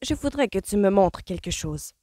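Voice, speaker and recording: A woman's voice: medium pitch, lively intonation, normal speed, dark tone, no echo, clean studio sound, pitched above the performer's own voice, lightly acted. A woman reading an audiobook voices a pushy older sister who presses and demands.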